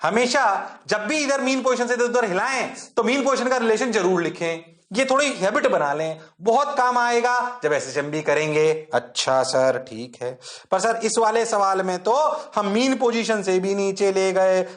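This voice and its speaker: A man teaching physics in a lively, jokey way, constantly checking that the class is following and sometimes answering his own questions in a low student voice. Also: normal speed, few pauses. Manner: jokey and self-mocking. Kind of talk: online exam-prep lecture.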